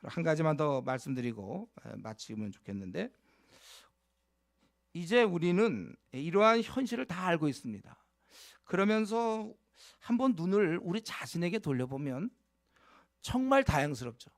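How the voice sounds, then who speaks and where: A man's voice: on the high side, very animated, moderate pace, gravelly, dry recording. A man preaches a sermon in a slightly raised voice. He urges his listeners earnestly, often stopping on fillers and asking them direct questions. The sound is close and dry, with no room around it. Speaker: pastor.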